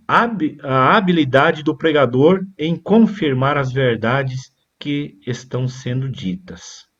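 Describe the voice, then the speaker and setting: A man's voice: fairly high pitch, husky. A man teaching a church leadership class on preaching, reading from notes and then drifting into chatty asides to his brothers. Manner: reads from a text then digresses into chatty asides with "né, irmãos". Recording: dull lo-fi recording.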